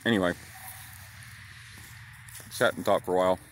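A man in his fifties telling a childhood story in a plain, unhurried way, with a pipe in his mouth. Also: low-pitched, steady tone, slight background noise. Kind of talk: casual personal storytelling.

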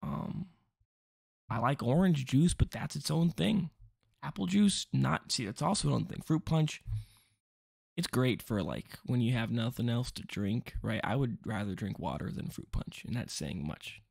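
A man's voice: medium pitch, lively intonation, normal speed, gravelly, darkish tone, breathy edge, no room sound, studio quality. A young man rambling through a casual commentary video, joking and interrupting himself often. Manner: rambling, self-interrupting, jokey asides. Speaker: vlogger.

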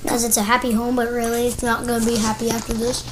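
A woman's voice: fairly high pitch, monotone, quick pace. A woman guesting in a casual gameplay chat, teasing and matter-of-fact. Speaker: guest gamer. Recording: noisy background.

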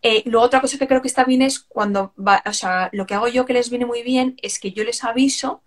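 A woman's voice: fairly high pitch, fairly even intonation, a little fast. A woman hosting a live stream, chatting casually about her kids with many fillers. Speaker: live stream host and mother.

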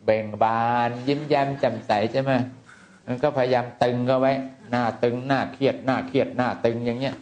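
A male Buddhist monk giving an informal dharma talk. His voice sits at an ordinary middle pitch. He talks in lively, repeating phrases and slips into mimicking the people he describes. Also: brisk.

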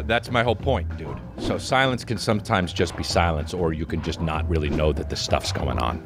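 Profane rambling male podcast host. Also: low voice. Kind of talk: casual comedic monologue. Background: video game music.

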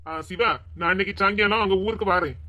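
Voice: medium pitch, fast talker, bright, forceful tone, lightly acted. A performer voicing a bossy elder brother who speaks with a Kanyakumari Tamil accent, giving impatient orders over the phone in a cartoon. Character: older brother calling from abroad, bossy.

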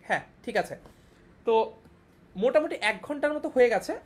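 A young woman gives an online lesson in a slightly high voice. She teaches patiently, repeating each point and often checking that her students understand. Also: animated, fairly quick. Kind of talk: online class lecture.

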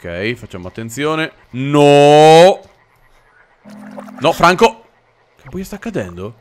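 A man hosting a let's play, narrating his gameplay with jokes and loud, animated exclamations. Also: fairly high pitch, slow, faint music behind. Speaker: gaming channel host.

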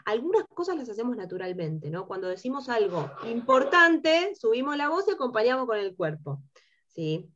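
Argentine lady teaching a class, high-ish voice, keeps asking "right?", kinda dull recording. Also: big pitch swings, moderate pace, fairly bright tone. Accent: Argentine Spanish. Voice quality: high-pitched timbre. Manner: explains with rhetorical questions and frequent tag "¿sí?". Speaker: workshop teacher. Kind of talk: lecture to students.

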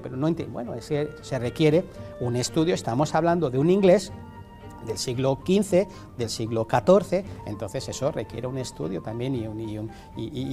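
A man's voice: mid-range voice, mellow. Professorial man explaining. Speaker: author and guest; university teacher. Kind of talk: explanatory interview talk.

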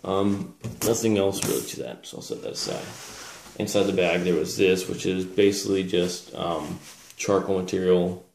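Seated at a table in a small, echoey room, a low-pitched man reviews collectible military gear in casual, unscripted show-and-tell. He rambles hesitantly and corrects himself, his creaky, slightly mellow voice at normal speed. The camera mic catches him off screen, with roomy echo and background hiss.

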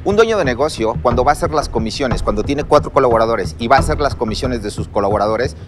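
An earnest man with a Mexican Spanish accent walks investors through his business, explaining things patiently. He speaks at an even middle pitch. Clear background music runs under him on a studio set. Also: quick pace.

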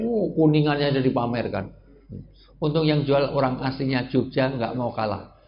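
A man's voice: mid-range voice, moderate pace. A male preacher, giving a humorous religious lecture, joking with the audience and acting out the people he quotes. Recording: dull lo-fi sound with faint noise.

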